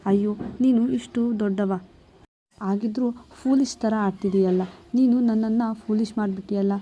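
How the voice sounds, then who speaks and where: A woman's voice: mid-range voice, steady tone, normal speed, warm tone, lo-fi sound, a little hiss or hum, natural voice. A woman voicing a blunt, exasperated young woman who scolds with impatient questions.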